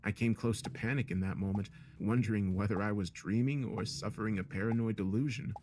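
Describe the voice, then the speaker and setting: A man reading a first-person horror story as narrator in a steady, measured way. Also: lowish voice, slight background noise. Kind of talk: scripted narration.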